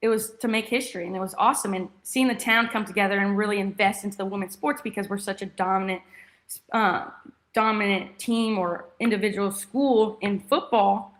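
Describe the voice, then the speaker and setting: Speaking a little fast with a steady, fairly bright mid-range voice, this young Texan woman gushes as a casual interview guest. She once played college soccer.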